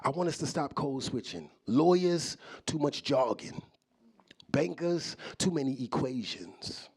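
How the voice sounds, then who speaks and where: A man's voice: mid-range voice, very animated, a little slow, darkish tone, breathy edge. A man from New performing a live stand-up set, talking loosely and straight to the crowd. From New York. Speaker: stand-up comedian. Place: live comedy show in an office building.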